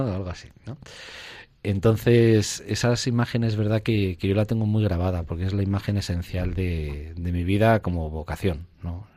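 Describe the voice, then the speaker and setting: A man's voice: deep voice, mellow, no room sound. A man, a priest, telling his spiritual experiences in an interview, acting out scenes with little sound effects and quoted voices. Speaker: priest guest. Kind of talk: reflective spiritual conversation.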